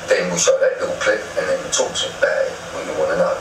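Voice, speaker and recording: Blunt man, low voice, halting and sweary, recorded from afar in a roomy space. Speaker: interviewer and campaigner. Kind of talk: casual conversational interview. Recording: roomy, distant mic, faint noise.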